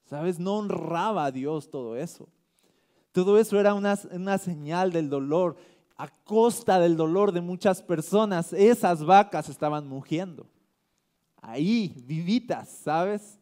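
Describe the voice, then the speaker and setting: A man's voice: sits high, a little slow, warm tone. A male pastor giving a casual, conversational sermon. He reads scripture aloud and keeps checking in with the listeners.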